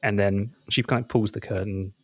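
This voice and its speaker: A man co-hosting a podcast, telling a comic story in an animated, self-mocking way with frequent laughs. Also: on the low side, normal speed, husky. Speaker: podcast co-host. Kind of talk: casual chat, comic storytelling.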